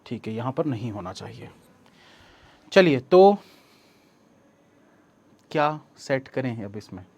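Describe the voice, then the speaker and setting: A man, teaching an exam coaching lesson step by step and reading the questions slowly aloud. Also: medium pitch, big pitch swings, darkish tone, highs cut off.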